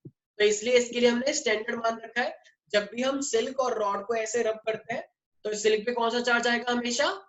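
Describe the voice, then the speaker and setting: A man's voice: extremely high pitch, fairly even intonation, moderate pace, a bit bright. A male physics teacher giving an online class lecture, mixing Hindi and English and constantly quizzing his students. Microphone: online class microphone. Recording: muffled online audio with faint noise.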